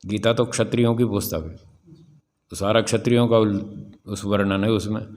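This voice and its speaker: A man's voice: fairly low pitch, steady tone, moderate pace, a little mellow. A man in his sixties, a swami, giving a spiritual discourse in a firm, rhetorical manner and putting questions to his listeners. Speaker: swami teaching scripture.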